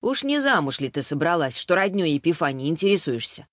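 A woman's voice: low voice, sing-song, fast, no echo. A chatty woman friend with a wry, gossipy way of talking, as a woman reading the book puts her on. The sound is dry and close. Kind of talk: audiobook character voice.

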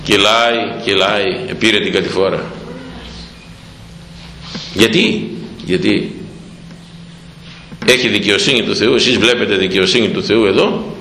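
A man's voice: on the low side, pauses often, pushed and bright. An older man, a priest, preaching a sermon with rhetorical questions to his congregation and repeating phrases for emphasis. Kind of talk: sermon on Proverbs. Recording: echoey room with faint background noise.

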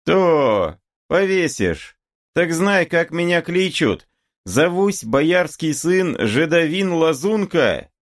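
A man's voice: on the high side, expressive, unhurried, hardly any pauses, pitched above the performer's own voice. A man voicing a cocky young nobleman swordsman who taunts and boasts, in a novel reading. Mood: taunting. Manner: swaggering, taunting.

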